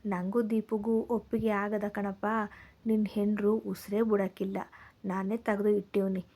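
A woman voicing a generous, sharp-tongued old mother who teases and gives orders. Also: medium pitch, flat delivery, moderate pace, husky. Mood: teasing.

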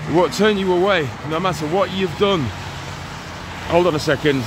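This is a walk-and-talk preaching vlog: a man in his forties moves through a rainy town, phone extended at arm's length, speaking at a moderate pace. His slightly high voice is earnest and urgent, and he keeps circling back to his points. The sound of passing traffic comes through clearly.

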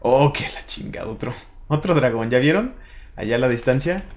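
A man's voice: medium pitch, animated, normal speed. A young man with a Mexican accent giving casual let's-play commentary, chatting to his in-game companion and viewers and swearing casually. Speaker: gaming channel host.

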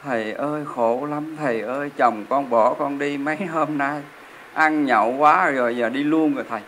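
A man imitating a tearful wife whose husband has left her, speaking in a hushed, plaintive complaint. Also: mid-range voice, normal speed, a little hiss or hum, lightly acted.

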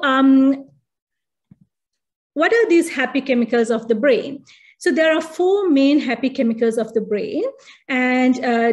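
High-voiced Sri Lankan woman lecturing online. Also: a little mellow. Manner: explanatory, many fillers and restarts. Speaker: neurologist giving a talk. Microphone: video call.

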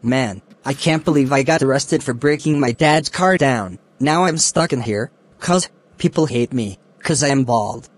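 A man's voice: mid-range voice, moderate pace, lightly acted. Man's voice doing whiny bald boy Caillou. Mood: whining. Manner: whining, complaining. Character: whiny bald young boy, sulky troublemaker.

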